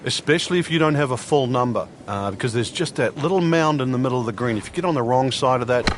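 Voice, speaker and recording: A man giving live golf commentary as an analyst, explaining shots in a measured way. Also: medium pitch. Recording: loud outdoor crowd and ambient noise.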